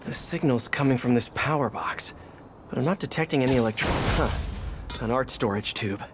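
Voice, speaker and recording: A man's voice: mid-range voice, expressive, normal speed, noisy background, lightly acted. A man playing a young, wisecracking superhero in a video game, with a playful, eager, wry way of talking. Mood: focused. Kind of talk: video game voice acting, quippy banter.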